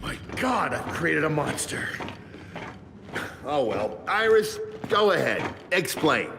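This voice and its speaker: A sarcastic workshop engineer. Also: male voice, a little high, very animated, vocal fry, background noise, full character voice. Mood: sardonic. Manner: quick sarcastic quips. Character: sardonic male engineer running a workshop. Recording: game music behind.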